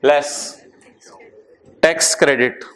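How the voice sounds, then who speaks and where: A man lecturing a tax class, with lively asides and English terms mixed into his explanations. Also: a little high, slow.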